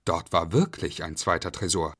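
A man reading a children's story aloud in a slow, expressive way. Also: low-pitched, husky. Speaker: narrator.

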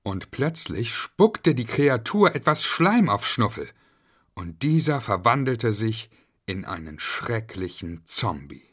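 Slow, expressive man reading a children's story. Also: lowish voice, slightly rough. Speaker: narrator.

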